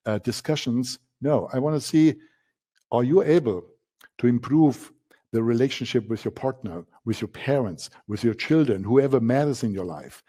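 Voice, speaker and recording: A German man with a German accent instructs a coaching masterclass, emphasizing key words by repeating them. His voice is mid-range and mellow.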